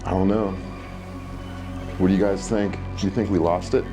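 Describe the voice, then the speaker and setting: A man hosting a night investigation vlog, talking to the camera and calling out with deliberate pauses. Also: sits low, little pitch movement, music in the background. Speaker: vlog host, ghost investigator.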